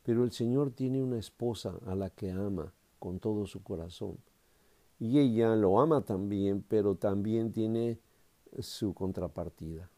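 A man's voice: fairly low pitch, dark tone. A man preaching and reading scripture aloud, reflective, often tagging his sentences with a questioning "right?". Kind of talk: Bible reading and sermon.

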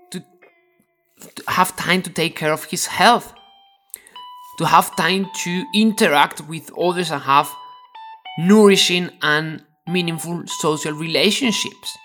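A podcast host from Spain talks in Spanish-accented English at a middling pitch, explaining step by step. The speaker often restarts and repeats words while searching for the phrasing. Soft guitar plays faintly underneath. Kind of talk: educational podcast monologue.

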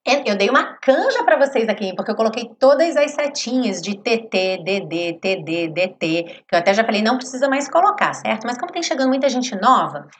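A woman teaching English in a live online lesson, explaining step by step and slowly modelling English phrases for her students. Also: a little high, expressive, a little hiss or hum.

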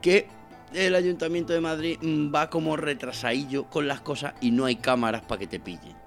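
A man with a Spain Spanish accent, co-hosting a casual comedic podcast, telling stories that swing from muttered asides to shouts. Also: a little high, fairly even intonation, normal speed, gravelly, faint music behind. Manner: storytelling with big swings from mumbling asides to shouting. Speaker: podcast co-host.

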